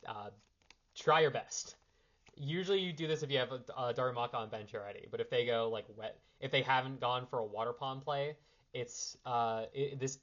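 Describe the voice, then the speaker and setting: On a lo-fi recording, a young man with a medium-pitched, somewhat bright voice, who sounds a little sick, explains card game strategy without preparation. He handles cards as he talks, rambling and correcting himself in a casual primer.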